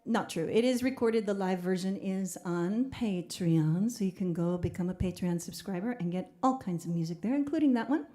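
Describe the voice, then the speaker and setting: A woman's voice: mid-range voice, normal speed, hardly any pauses, dark tone. A woman singer-songwriter chatting playfully between songs at her live-streamed concert, reading viewer comments aloud. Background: guitar playing.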